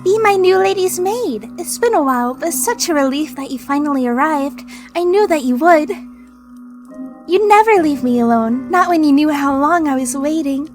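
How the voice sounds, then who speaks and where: Woman doing a cute high-pitched anime girl. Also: lively intonation, normal speed, soft background music. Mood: delighted, eager. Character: excitable girlish young lady of the house, anime style. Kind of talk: visual novel character read-out.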